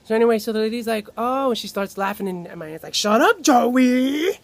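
A young man telling a family story in a casual vlog to his phone camera. He is animated, mimics the people he quotes and drops Spanish words into his talk. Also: high-pitched, quick pace, gravelly.

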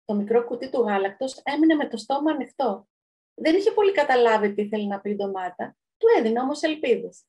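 A woman author reading her own children's story aloud, expressive and lively. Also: a little high, husky.

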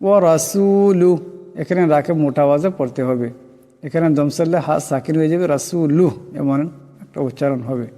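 A man with a Bangladeshi accent teaching Quran pronunciation, chanting the Arabic slowly and melodically, then explaining quickly. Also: on the high side, dark tone, in a large hall, faint music behind.

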